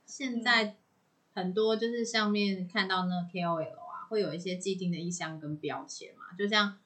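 A woman's voice: medium pitch, fairly even intonation, moderate pace, fairly bright tone. A woman co-hosting a casual chat in Taiwanese Mandarin, giving her own thoughtful views. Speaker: podcast co-host.

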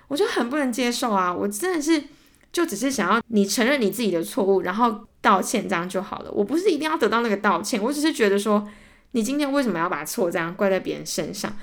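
A woman's voice: mid-range voice, expressive, fast talker. A young woman with a Taiwanese Mandarin accent hosting a solo podcast, telling stories animatedly and acting out both sides of arguments, growing exasperated. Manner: gets heated and exasperated while retelling. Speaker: podcast host. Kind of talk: casual solo ranting storytelling.

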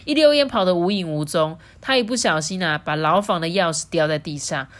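A woman reading a picture book aloud for children, playful and quick to laugh. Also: fairly low pitch. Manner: playful, laughing, lively voice changes. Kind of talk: animated children's story reading.

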